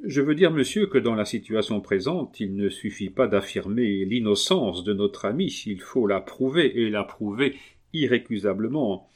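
A man reading a novel aloud, voicing an earnest, persuasive gentleman who speaks in a calm, measured way. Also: lowish voice. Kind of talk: audiobook reading.

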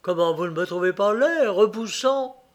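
A man's voice: high-pitched, lively intonation, moderate pace, pitched above the performer's own voice. A man playing a bitter, heartbroken young village man who speaks with plaintive anguish in a read-aloud story.

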